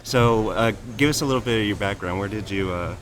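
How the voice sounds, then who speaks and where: A man with a fairly low voice co-hosts a podcast in casual chat. He talks in an easygoing way, pausing on fillers as he thinks. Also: slight background noise. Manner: relaxed, hesitant with fillers. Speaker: podcast co-host.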